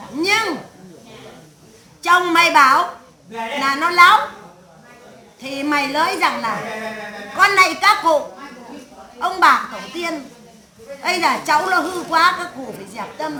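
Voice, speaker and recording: A stern old great-grandmother spirit, voiced by a woman medium in a séance, berates her family in a very high, sharp, piercing voice. She curses crudely and harshly without pause. The sound rings around an echoey room. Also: expressive, exaggerated voice. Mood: ranting. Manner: harsh, crude, cursing tirade.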